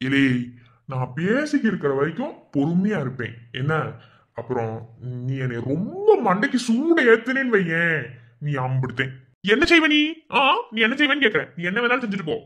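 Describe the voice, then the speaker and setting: A man's voice: high voice, fairly bright tone. A man voicing a menacing Madurai village bully. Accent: Madurai Tamil. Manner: taunting, threatening, rural slang. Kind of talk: animated cartoon voice acting.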